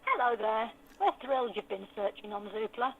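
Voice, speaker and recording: A woman's voice: a little high, expressive, normal speed. A woman's recorded phone message, a formal and polite scripted call-centre announcement played down a phone line. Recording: noisy phone line heard from off-mic.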